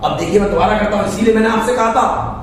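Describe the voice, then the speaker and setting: Man, math tutor, high voice, slow careful explanation, very echoey room, distant mic. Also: a little hiss or hum. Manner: slow, step-by-step, repeats numbers aloud while working. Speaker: math teacher. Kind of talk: classroom lesson explaining exam problems. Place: coaching classroom.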